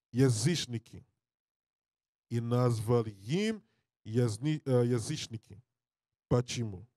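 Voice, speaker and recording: A man preaching and reading scripture in non-native Russian with a foreign accent, halting and repeating his phrases. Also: mid-range voice, mellow, no echo, studio quality. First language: not a native Russian speaker. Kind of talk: Bible teaching with scripture reading. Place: indoor studio with draped backdrop. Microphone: handheld mic held close.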